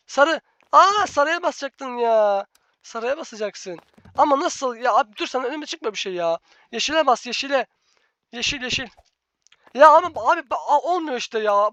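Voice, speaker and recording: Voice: high-pitched, a bit bright, no echo. A gaming channel host giving live gameplay commentary, bossy and exasperated, repeating instructions over and over to a teammate.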